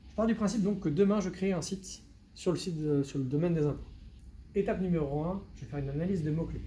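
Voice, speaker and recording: A man on the higher side for his sex, with a very dark, mellow tone, presenting to a live meetup audience. He talks to the room directly and lively, dropping dry asides as he goes. A faint hiss sits under the voice. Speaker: web consultant giving a meetup talk.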